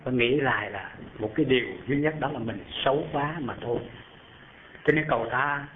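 A man preaching and telling a Buddhist story to an audience, often asking them questions and lifting his voice high as he describes things. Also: brisk, slight background noise. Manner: animated, asks the audience questions, rises high when describing. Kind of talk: storytelling sermon. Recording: tinny phone-like sound. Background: live audience.

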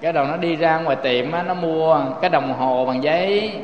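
A man's voice: a little high, brisk, echoey room, big-room sound, highs cut off. A man with a Southern Vietnamese accent preaching a Buddhist sermon, asking rhetorical questions and turning to his listeners again and again. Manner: rhetorical questions, often addresses listeners directly.

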